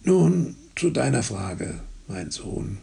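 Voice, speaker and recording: A man voicing a sick peasant father of about fifty, with a hoarse, raspy voice and a slow, reproachful way of lecturing his sons. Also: mid-range voice, big pitch swings, dark tone, exaggerated voice. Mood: explaining. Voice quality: raspy, gravelly.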